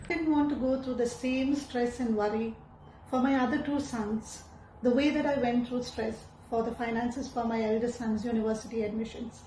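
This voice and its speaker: A woman speaks in a fairly high, heartfelt voice. The room echoes around her, and faint ambience sits underneath. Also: fairly even intonation, normal speed, dark tone, a little hiss or hum. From India. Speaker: educator. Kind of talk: personal testimonial.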